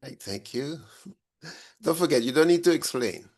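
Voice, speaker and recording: A man hosts an online group chat and keeps it moving, calling on each person in turn. He speaks in a brisk, practical way. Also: fairly high pitch, expressive, a little mellow. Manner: brisk, calls on people by name. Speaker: group facilitator. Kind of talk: moderating a video call. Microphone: video call.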